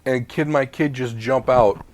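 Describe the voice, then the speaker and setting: Animated mid-forties man on a podcast. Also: mid-range voice, unhurried. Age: 40s. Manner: animated, swearing, rambling with restarts. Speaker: podcast co-host. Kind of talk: casual chat. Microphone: home podcast mic with mute button.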